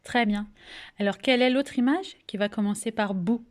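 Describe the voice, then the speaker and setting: Slowly and clearly, a French-accented kindergarten teacher pronounces each word in a recorded phonics lesson for young children. Her slightly high voice stays patient as she coaxes answers with gentle questions and then praises them.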